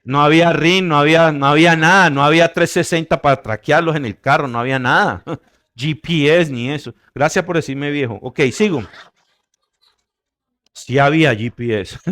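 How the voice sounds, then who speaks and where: A middle-aged man preaching a sermon as pastor. He jokes with the congregation, asks if they are following, and swings between loud, emphatic peaks and quiet asides. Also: on the high side, moderate pace.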